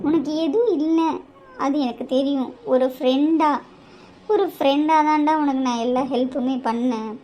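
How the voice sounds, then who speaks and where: A woman's voice: high voice, steady tone, moderate pace, warm tone, natural voice. A woman voicing a married young woman in a cartoon who scolds and pleads with an exasperated edge. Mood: pleading. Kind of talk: cartoon voice acting.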